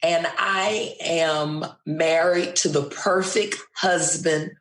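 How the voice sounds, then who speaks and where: Woman in her sixties, slow unhurried talk, lowish voice, roomy echo. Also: steady tone. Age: 60s. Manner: slow, thoughtful, with fillers. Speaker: guest, retired middle school math teacher. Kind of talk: casual interview chat.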